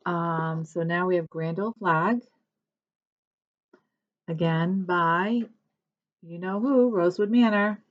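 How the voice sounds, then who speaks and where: A woman talks slowly and casually in a lowish voice, showing her stitching projects. She rambles and corrects herself often. The sound is dull and lo-fi. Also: fairly even intonation. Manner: chatty, rambling, self-correcting. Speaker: cross-stitch vlogger. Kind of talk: casual show-and-tell chat.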